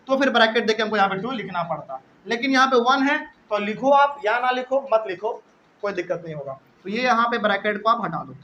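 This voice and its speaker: Male teacher, young, very high bright voice, classroom lecture, repetitive and drawn-out, faint room noise. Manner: repetitive, drawn-out, checks in with students. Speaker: chemistry teacher. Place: classroom with live and online students.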